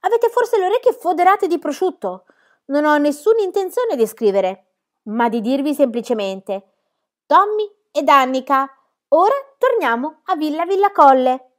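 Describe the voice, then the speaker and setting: A woman voicing an exuberant, carefree young girl who talks loudly and teasingly in a storybook reading. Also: on the high side, lively intonation, normal speed, lightly acted. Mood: gleeful. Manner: loud, gleeful and teasing.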